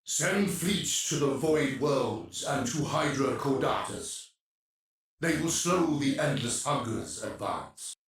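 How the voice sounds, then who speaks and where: In a dramatic video game cutscene, a man voices an ancient machine pharaoh, stately, formal and cold, with an imperious, grave mood. His mid-range voice is animated, slow-paced and fairly bright in tone, and it sounds distant under music with a heavy cavernous echo.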